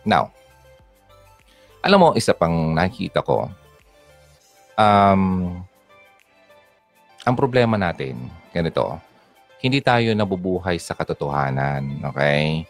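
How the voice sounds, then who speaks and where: A man with a low, deep voice gives fatherly relationship advice. His pitch swings widely as he talks, and faint music plays behind him. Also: big pitch swings, slow, long pauses. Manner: fatherly, mixes English into Tagalog. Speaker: advice host. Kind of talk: casual advice talk to a listener.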